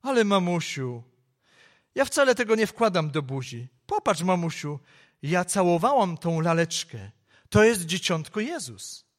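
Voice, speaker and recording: A man voicing a pleading little girl, high voice. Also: sing-song, measured pace. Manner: earnest and begging.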